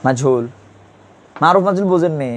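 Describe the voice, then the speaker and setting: A male teacher with a slightly raised pitch leads a grammar class in an easy, conversational way. He drills pronunciation patiently and keeps quizzing his students with repeated questions. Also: animated, moderate pace. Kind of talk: classroom lesson.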